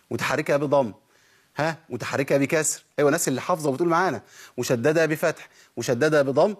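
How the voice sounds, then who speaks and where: Fast, husky Egyptian male recitation teacher. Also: fairly high pitch. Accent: Egyptian Arabic. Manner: asks rhetorical questions and answers them, demonstrating sounds aloud. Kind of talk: recorded lesson on recitation rules.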